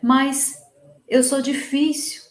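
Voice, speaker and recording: A woman delivers a devotional talk, telling a story slowly and with feeling. Her voice sits fairly high. The recording carries a noticeable room echo. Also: level tone. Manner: slow, emotive retelling in the first person. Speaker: Spiritist lecturer.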